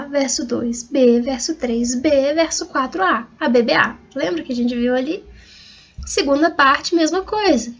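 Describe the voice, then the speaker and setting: A Brazilian woman with a high voice gives a recorded university lecture on poetry. She goes step by step, naming rhyme patterns one letter at a time. The audio is somewhat dull and lo-fi. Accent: Brazilian Portuguese. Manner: patient, methodical, spells out rhyme schemes letter by letter.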